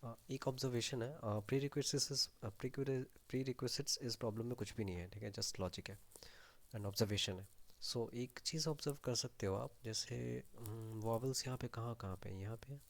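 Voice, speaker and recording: A man's voice: mid-range voice, normal speed, vocal fry. A man explaining a programming problem aloud, mixing Hindi and English with frequent fillers. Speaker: programming tutor. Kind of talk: screen-share coding explanation.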